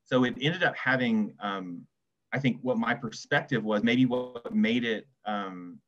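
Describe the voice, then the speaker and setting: On a literary festival panel, a male essayist speaks casually and reflectively, hesitant and self-deprecating. His voice is medium in pitch, unhurried and fairly bright, coming through dull, lo-fi video call audio.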